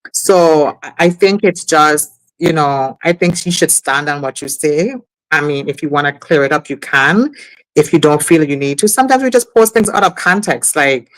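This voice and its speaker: A woman's voice: sits low, fairly bright tone, no room sound, rough recording. A woman, co-hosting a talk show with casual, conversational commentary. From US Virgin Islands.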